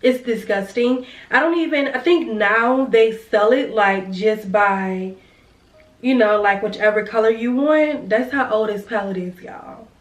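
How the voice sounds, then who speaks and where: A woman's voice: mid-range voice, a little slow. A young woman chatting to viewers while doing her makeup, heartfelt and casual, calling them girl and y'all. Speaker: beauty vlogger. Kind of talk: casual get-ready-with-me chat. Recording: roomy sound from a distance with faint music.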